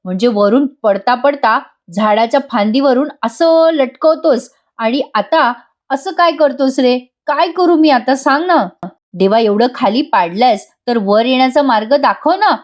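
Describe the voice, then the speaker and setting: A woman's voice: sits high, unhurried. A woman voicing a sighing lovesick young man. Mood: pleading. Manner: sighing, pleading.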